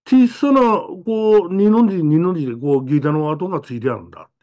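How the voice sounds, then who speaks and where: A man voicing a rural boy who speaks in an Aomori dialect, telling his story slowly and earnestly. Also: on the high side, mellow, voice pushed up, lightly acted. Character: rural boy transfer student, plain-spoken.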